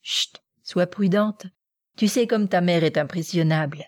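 A woman voicing a tactful, cautious middle-aged aunt who speaks in a hushed, coaxing way in an audiobook reading. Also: lowish voice, a little slow, dry recording, studio quality, close to an everyday voice. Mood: soothing. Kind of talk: audiobook character voice.

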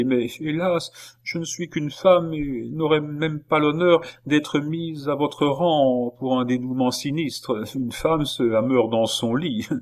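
Brief: high, shrill aging countess, plaintive and anxious, put on by a male reader. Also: lightly acted. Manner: shrill, pleading, theatrical. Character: flirtatious aging French countess, anxious under laughter. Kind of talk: audiobook character voice.

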